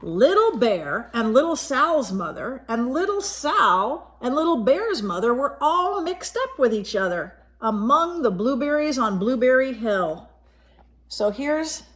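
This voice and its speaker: For an audience of small children, a woman storyteller reads a picture book with expression, her fairly high voice carrying a fairly bright tone. Along the way she stops to point out the pictures and ask questions.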